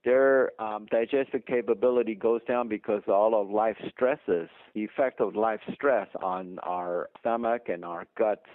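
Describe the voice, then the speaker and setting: A middle-aged Taiwanese man with a lowish voice speaks unhurriedly and hardly pauses, his Taiwanese accent carrying over a dry, tinny phone line. He's a dentist appearing as an interview guest, explaining things emphatically and chuckling often.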